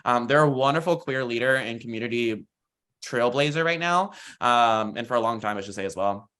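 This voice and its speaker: An American man from Florida and rural Texas talks informally on a workshop panel over an online video call. His mid-range voice is pushed and bright and runs a little fast, and his manner is earnest and encouraging.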